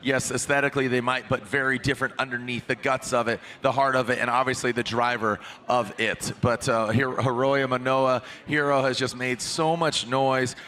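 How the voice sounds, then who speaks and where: A man giving live motorsport commentary from a booth in an excitable, chatty way. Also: medium pitch, moderate pace, few pauses. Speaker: event commentator.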